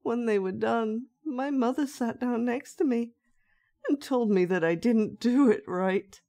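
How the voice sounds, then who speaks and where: Speaking at a measured pace in a slightly high voice, a woman takes on the role of a menacing yet soft-spoken magical dollmaker. Her roleplay monologue coaxes the listener with gentle condescension, and the overall feel is wistful and eerie.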